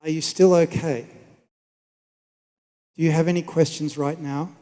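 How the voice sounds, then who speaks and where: In a reverberant hall, a man with a mellow, fairly high voice presents an academic talk. He explains things in a measured, polite way. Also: fairly even intonation. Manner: measured, polite, checks on listeners. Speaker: conference presenter. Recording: echoey hall with long reverb.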